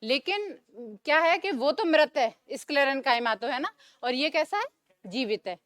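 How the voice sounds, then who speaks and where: A young woman with a high, light voice teaches a class, throwing out questions and answering them herself as she goes over each term again. Her voice sounds close and dry, with no room echo. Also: expressive, moderate pace, a bit bright. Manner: asks questions and answers them herself, repeats key terms. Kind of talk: classroom lecture.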